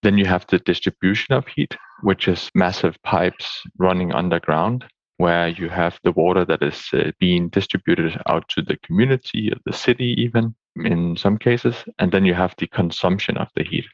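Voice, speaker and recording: Very deep-voiced man explaining. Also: steady tone, normal speed, dry recording, muffled recording. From Denmark. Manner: explanatory, with fillers. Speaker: guest expert. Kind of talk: interview answers.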